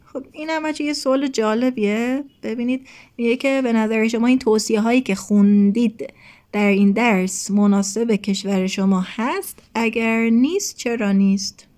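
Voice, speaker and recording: Teacher lady from iran, kinda high voice, getting hoarse, lots of ums while she explains. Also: a little mellow. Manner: patient explaining, mixes in English phrases, many fillers. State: voice getting hoarse, clears throat. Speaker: English teacher. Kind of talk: recorded online lesson.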